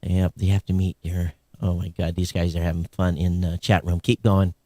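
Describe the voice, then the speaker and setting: A man's voice: low voice, flat delivery, normal speed, warm tone, dry recording, clean studio sound. A man co-hosting a live podcast, rambling and grumbling like an old curmudgeon while he chats and reads out listener comments. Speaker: podcast co-host.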